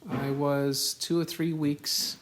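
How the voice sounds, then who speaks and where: A man's voice: on the high side, little pitch movement, takes it slowly. A South African man in his forties, answering interview questions carefully and spelling words out. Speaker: podcast host being interviewed by his daughter.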